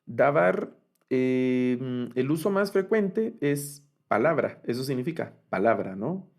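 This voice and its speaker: Gravelly-voiced man teaching a class. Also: mid-range voice, animated, a little mellow. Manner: explains patiently with many fillers, repeats and sounds out words slowly. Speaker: Biblical Hebrew teacher. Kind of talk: recorded online lecture.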